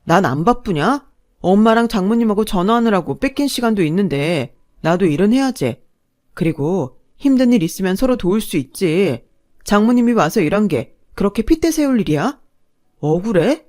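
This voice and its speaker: A woman's voice: mid-range voice, big pitch swings, moderate pace, darkish tone, natural voice. A woman voicing an irritated young husband in a storybook narration, with a blunt, sarcastic manner. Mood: defensive.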